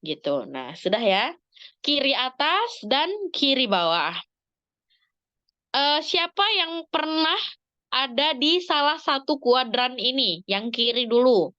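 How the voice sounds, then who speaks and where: A woman speaking to parents in an Islamic study talk, lively and expressive, acting out examples with sudden rises in pitch. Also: slow pace, no room sound, dull audio. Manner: lively, dramatic shifts in pitch, acts out examples.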